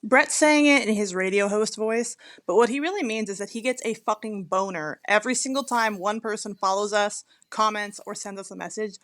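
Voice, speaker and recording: A woman's voice: medium pitch, fairly quick, hardly any pauses, a bit bright. A woman co-hosting a podcast as a police officer, casual and teasing, swearing freely. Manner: blunt, profane, teasing.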